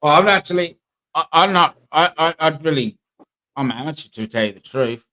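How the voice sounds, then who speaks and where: A man's voice: a little high, animated, brisk, bright, forceful tone. A man hosting a livestream in a casual, chatty style. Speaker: livestream channel host. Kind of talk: casual chat. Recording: faint background noise on livestream.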